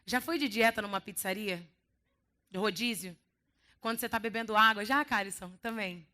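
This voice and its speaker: A woman with a Brazilian Portuguese accent preaching a sermon in a church, telling stories in a lively way with playful quoted voices. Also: mid-range voice, moderate pace. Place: church hall.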